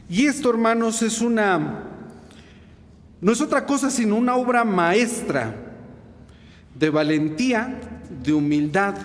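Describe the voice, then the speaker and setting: A man preaching, his voice sitting a bit high for a man. He tells a story from the pulpit, acting out the other voices and laughing at himself. The sound rings with the long reverb of a large hall. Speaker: pastor. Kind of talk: sermon with personal anecdote. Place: church sanctuary.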